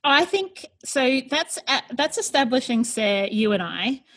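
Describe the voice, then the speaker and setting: A woman's voice: high-pitched, very animated, a little slow, a bit bright. An Australian-accented woman hosting a podcast in a casual, chatty interview style. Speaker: podcast host.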